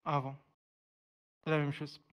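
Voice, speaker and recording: A man with a fairly high, smooth voice and little pitch movement explains a live online sign language class. He's hesitant, full of fillers and restarts, and slowly repeats each word as he signs it.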